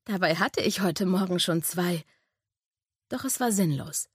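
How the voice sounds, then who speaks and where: Woman, audiobook narrator, first-person, calm and intimate, lowish voice, dry close sound. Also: unhurried, husky, dry recording.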